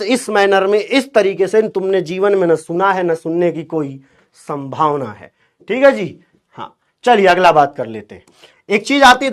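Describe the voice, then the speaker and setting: Male chemistry teacher, high voice, teasing and quizzing in an online class. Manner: animated, teasing, quizzes students.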